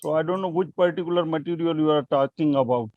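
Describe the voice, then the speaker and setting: A man on a jury panel asking measured, somewhat hesitant questions. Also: a little high, no room sound. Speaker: jury member. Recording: dry, dull lo-fi audio.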